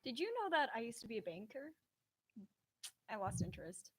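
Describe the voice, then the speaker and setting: A woman's voice: fairly high pitch, very animated, moderate pace, a bit bright, breathy edge. A woman trading dad jokes as a contestant, giving short setups and punchlines. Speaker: joke contestant.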